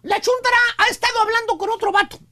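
A woman with a Mexican accent telling an animated comic story on a radio talk show, exclaiming and acting out the people in it. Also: very high voice, fast. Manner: animated, exclamatory, acts out quoted characters.

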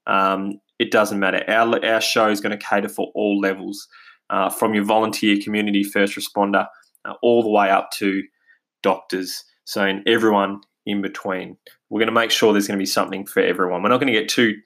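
This podcast host, a middle-aged Australian, talks eagerly and casually on his own show, stumbling through plenty of fillers and restarts. His fairly low, level voice is a bit bright and a little fast, picked up by basic home recording gear.

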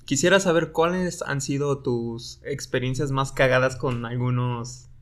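A man's voice: mid-range voice, steady tone, measured pace. A man with a Mexican accent hosting a casual podcast, talking in loose slang and egging on his guest. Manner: loose, slangy, laughs along. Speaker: podcast host.

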